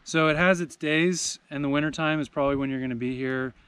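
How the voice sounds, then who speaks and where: A travel vlogger in his forties sits before a tripod-mounted camera on a beach beside his truck camper, casually recommending a camping spot. His smooth, fairly high voice moves fast, relaxed and conversational yet enthusiastic about the scenery, with outdoor noise audible.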